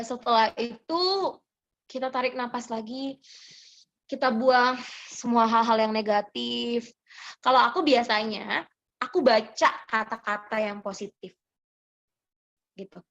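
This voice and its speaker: A young woman with a slightly high voice speaks gently and reassuringly, much like a motivational speaker answering listeners' questions in a sharing session. She mixes English phrases into her speech and keeps her tone soft and encouraging. The recording sounds muffled.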